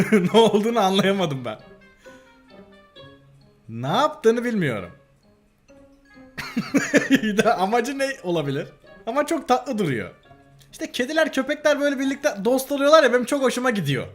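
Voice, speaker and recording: A young man casually reacting to animal videos for his channel, giggling often and gushing over how cute they are. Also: sits high.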